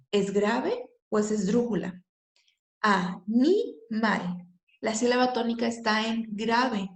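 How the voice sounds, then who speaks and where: Female teacher, raised voice with a gravelly edge, echoey room. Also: fairly high pitch, a little mellow. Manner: patient, checks in with "ok?" often. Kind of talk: lesson on poetry metrics.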